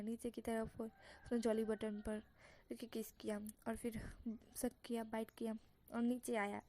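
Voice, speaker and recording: A woman's voice: a little high, warm tone. A woman casually reading a romance fan fiction aloud, with chatty, self-conscious asides to her listeners.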